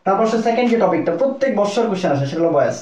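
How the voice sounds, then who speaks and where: Rapid-fire young male tutor, echoey lo-fi. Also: high-pitched, big pitch swings, a little mellow, a little hiss or hum. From Bangladesh. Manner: rapid, repetitive, keeps checking in with listeners. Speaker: medical admission tutor. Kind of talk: live online lesson. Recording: echoey, dull lo-fi room sound.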